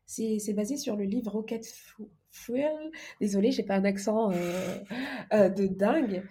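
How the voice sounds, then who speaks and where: A woman appears as a guest on a podcast, an organisation coach explaining things casually with examples in an interview-style conversation. Her voice is medium-pitched and warm, and she speaks unhurriedly.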